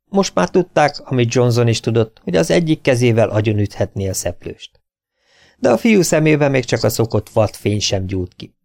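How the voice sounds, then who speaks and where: A man reading an adventure novel aloud in an even, measured way. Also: medium pitch, creaky, dry recording, studio quality. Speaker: audiobook reader. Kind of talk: scripted narration.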